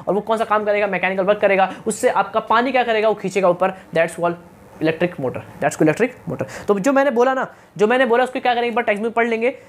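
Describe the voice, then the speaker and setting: A male teacher giving a science lecture, who keeps asking his students questions, answering them himself and checking that they follow. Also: high-pitched. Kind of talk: classroom-style science lecture.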